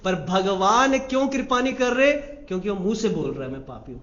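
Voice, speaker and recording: High-voiced man preaching a devotional sermon. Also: normal speed. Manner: animated storytelling, acts out quotes. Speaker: monk preacher. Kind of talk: Hindi devotional sermon with storytelling. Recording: roomy, slightly dull recording.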